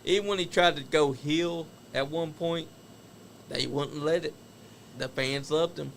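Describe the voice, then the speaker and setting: Gravelly chatty male wrestling host. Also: fairly high pitch, unhurried, slight background noise. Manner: chatty, opinionated, laughs at stories. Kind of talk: casual wrestling commentary.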